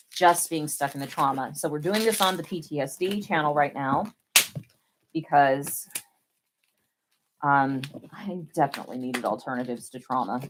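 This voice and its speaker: This Tennessee-accented woman has a deep voice, with a little hiss or hum in the audio. She twists balloons on a live stream, chatting in a relaxed, playful way and regularly teasing herself.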